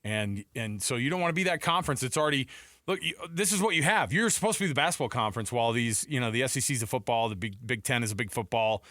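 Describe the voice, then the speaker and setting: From his radio studio, a man hosts a casual sports talk show into a close studio microphone. He speaks emphatically and exclaims often, keeping it conversational, with a medium-pitched, expressive, fairly bright voice at a quick pace and no echo.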